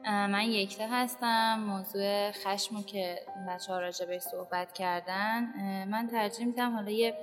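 A woman's voice: mid-range voice, fairly even intonation, hardly any pauses, big-room sound, soft background music. A woman sharing a personal story in a round-table podcast, hesitant and full of fillers. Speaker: podcast guest.

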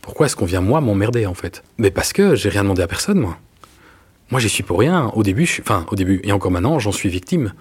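A man, telling personal stories in an earnest, halting way with many fillers. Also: on the low side, big pitch swings, breathy edge. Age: 40s. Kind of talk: casual testimony.

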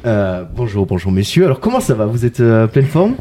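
A man's voice: medium pitch, big pitch swings, fairly quick, very noisy. A man hosting a casual podcast, introducing guests with playful puns and wordplay. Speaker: podcast host. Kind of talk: casual chat.

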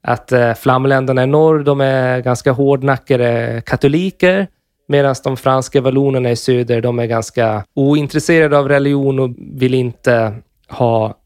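A man's voice: medium pitch, no echo, clean studio sound. Man casually explaining history. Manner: explanatory, relaxed, swears casually. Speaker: podcast co-host explaining history. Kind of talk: casual podcast chat.

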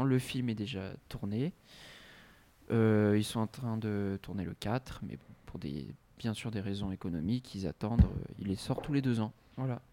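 Male podcast co-host, mid-pitched, chatty and informal, lots of fillers. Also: dark tone. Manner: chatty, laughing, joking. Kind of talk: casual chat.

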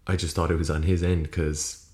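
Deep-voiced Irishman in an echoey room. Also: flat delivery, moderate pace, a little mellow. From Ireland. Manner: rambling, self-correcting, casually sweary. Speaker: podcast host. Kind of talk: solo podcast monologue, casual and unscripted. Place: small room, indoors. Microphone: USB podcast microphone. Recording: echoey room with poor acoustics.

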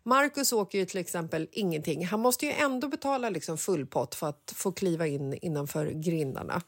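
A woman in her forties, a podcast host, telling a personal story in a casual, emotional, animated way. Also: on the low side, no echo. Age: 40s.

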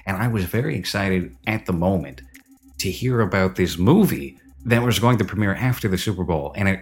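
A man hosting a podcast, rambling and opinionated in casual film review chat, recorded with reverb in an empty basement. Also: sits low. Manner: rambling, opinionated, self-correcting. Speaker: podcast host.

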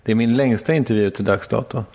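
Male podcast host, mid-pitched, relaxed and hesitant. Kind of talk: casual podcast interview.

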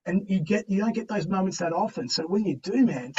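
A man's voice: sits high, expressive, fairly quick, darkish tone, husky, far from the mic, dull audio. A middle-aged Australian man chatting as a podcast guest, telling stories and giving encouragement in an emphatic, slangy, blokey way. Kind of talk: animated interview storytelling and motivational chat.

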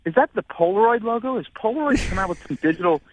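A man being interviewed as an author and marketing consultant, telling stories in an energetic way, often repeating words as he goes, with blunt opinions. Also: sits high, fast talker. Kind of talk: casual interview storytelling. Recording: dry, tinny phone-like line.

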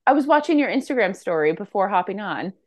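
A woman's voice: medium pitch, very animated, fast, darkish tone, no room sound, studio quality. A woman chatting casually as a podcast guest, playful and exuberant, on a slightly grainy video call. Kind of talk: casual chat.

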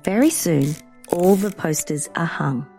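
A woman narrating a children's story in an expressive, dramatic way. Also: fairly low pitch, unhurried, soft background music.

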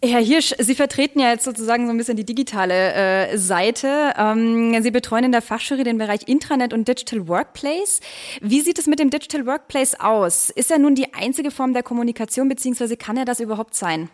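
A woman's voice: a little high, fairly quick, a little mellow. A woman who hosts and moderates a podcast panel, politely posing pointed questions to guests. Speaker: host and moderator.

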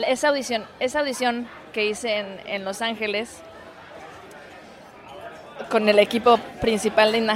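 Actress in her 30s chatting outdoors, kinda high voice, animated storyteller, faint crowd murmur behind. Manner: animated storytelling, many restarts and fillers. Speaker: musical theater actress, guest. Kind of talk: casual interview chat. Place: outdoors in a city.

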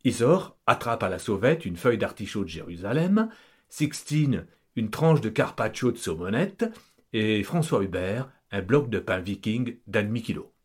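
A man's voice: fairly low pitch, sing-song, moderate pace, a little mellow, husky. A man narrating a comic story in a pompous, theatrical manner.

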